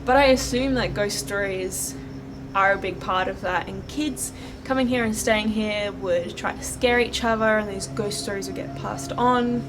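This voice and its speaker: A woman's voice: mid-range voice, normal speed, over music, poor audio. A woman talking to camera as the host of a paranormal investigation vlog, moving between narration and casual chat. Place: outdoors at night on camp grounds.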